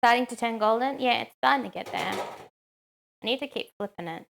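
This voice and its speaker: A woman's voice: fairly high pitch, normal speed, creaky. A woman chatting casually on a live stream while she cooks at home, answering chat with lots of "um"s.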